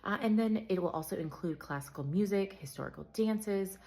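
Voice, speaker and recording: A woman's voice: medium pitch, brisk, mellow. A woman vlogger explaining and comparing two events in a conversational way, with frequent fillers and self-corrections. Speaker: travel vlogger. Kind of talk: casual explainer talk.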